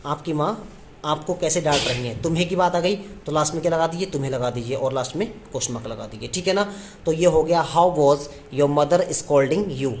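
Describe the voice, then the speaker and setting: A male tutor walks through grammar one step at a time, putting questions to the class and answering them himself. He drags out each example sentence word by word. A faint hiss sits under his voice. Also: a little high. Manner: repetitive question-and-answer teaching, slows down to spell out English phrases. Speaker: English teacher. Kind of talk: classroom lesson in Hindi.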